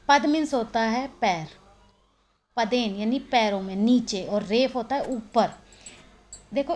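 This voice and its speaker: Woman teacher explaining grammar step by step. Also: on the high side. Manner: explains step by step, asks and answers own questions, frequent "है ना". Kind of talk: recorded Hindi grammar lesson. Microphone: phone voice recorder.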